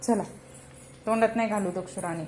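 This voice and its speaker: A young woman with a Marathi accent chatting in a family vlog, talking softly to the camera and calling out loudly to her small children. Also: mid-range voice, fairly quick, over music. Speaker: vlogger and mother. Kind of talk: casual family vlog chat. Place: home and school grounds.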